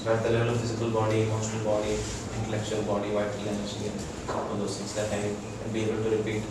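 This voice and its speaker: A fast, monotone voice on the low side belongs to a doctor with an Indian accent lecturing a small group on integrative medicine. His informal style uses short, repeated phrases with checks that people follow, and the recording is noisy and echoey from a far-off mic.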